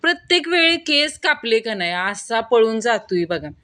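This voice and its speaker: A woman's voice: a little high, very animated, moderate pace, pushed and bright. A woman voicing an irritated male doctor who scolds in a snappish way. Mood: exasperated.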